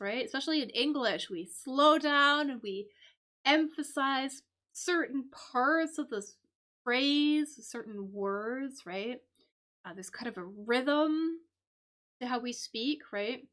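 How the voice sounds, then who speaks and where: A woman hosting a live-stream English lesson, explaining crossword clues slowly with many fillers and repeated "right?". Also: high voice, lively intonation, a bit bright. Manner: slow, repetitive explaining with frequent fillers and "right?".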